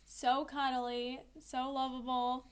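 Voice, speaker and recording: Woman co-hosting a podcast, kinda high voice, giggly and gushy. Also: flat delivery, takes it slowly, a loud crowd. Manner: gushing and giggly. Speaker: podcast co-host. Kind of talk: casual chat.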